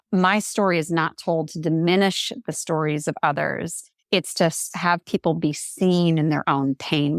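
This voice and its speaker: Animated, dry-sounding woman coach. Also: deep voice, no echo. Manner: animated storyteller, acts out quotes in varied voices; laughs easily, candid. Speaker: guest, coach and speaker. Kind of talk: casual podcast conversation.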